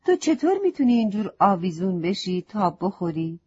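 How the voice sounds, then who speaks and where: A woman's voice: medium pitch, very animated, a little mellow, husky. A woman voicing a curious, polite little boy in a children's story, asking wondering questions, on a slightly muffled recording.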